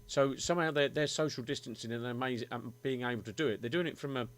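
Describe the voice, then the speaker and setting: A male DJ hosting a live stream over a video call, teasing and cutting in quickly. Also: mid-range voice. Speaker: DJ and show host. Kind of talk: casual live-stream chat.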